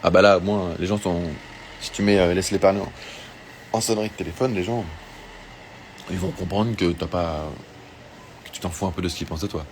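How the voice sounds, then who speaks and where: A man's voice: deep voice, fairly quick, pauses often, slight background noise. A man chatting casually on a phone livestream, answering fan questions with lots of fillers and restarts. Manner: chatty, laid-back, with many fillers and restarts. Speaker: singer doing an Instagram live. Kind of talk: casual live-stream chat reading fan questions. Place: outdoors or open space in Tahiti.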